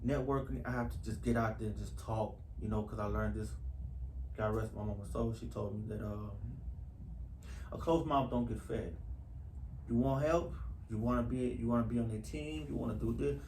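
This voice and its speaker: In an interview, a Houston-born actor talks casually and earnestly, repeating phrases to drive his point home. His medium-pitched voice is steady and a bit dark, moving at a moderate pace. The room is echoey, with faint noise in the background.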